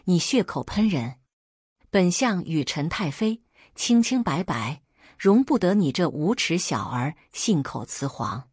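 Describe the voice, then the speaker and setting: A woman's voice: fairly low pitch, big pitch swings, measured pace, darkish tone, breathy edge, dry recording, studio quality, heavily acted. Woman voicing a sneering old chancellor. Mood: furious. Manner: mocking, cold, sneering. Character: scheming, ruthless old male chancellor.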